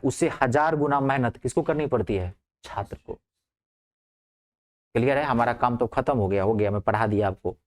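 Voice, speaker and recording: A male math teacher. He explains geometry step by step, keeps asking whether things are clear, and drops his voice low to answer his own questions. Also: a little mellow. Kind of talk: lively classroom math lesson.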